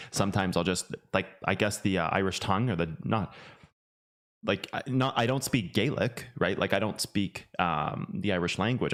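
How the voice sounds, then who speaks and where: A man who hosts a finance channel, talking in a loose, rambling way with many restarts and fillers. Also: sits low. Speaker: finance YouTuber. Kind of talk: casual livestream chat.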